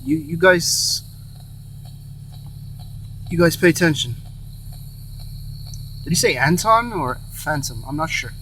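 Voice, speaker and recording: A man hosting a paranormal session in casual, halting talk, repeating himself and breaking off phrases. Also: on the high side, lively intonation. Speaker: host of a paranormal spirit box session. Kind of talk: casual rambling vlog talk, addressing spirits and viewers. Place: in or beside a car. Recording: faint hum and noise.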